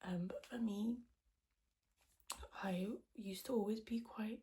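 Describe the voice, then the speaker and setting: A woman podcast host whispering in a hushed, quiet voice so as not to wake anyone, chatting casually in a rambling, self-deprecating way. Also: medium pitch, slow pace. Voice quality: whispered, breathy voice. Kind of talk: casual chat to podcast viewers.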